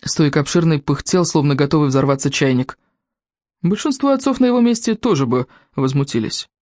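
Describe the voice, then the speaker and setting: An audiobook narrator telling a story with expressive delivery. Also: medium pitch, fairly quick, no echo, clean studio sound. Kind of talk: scripted narration.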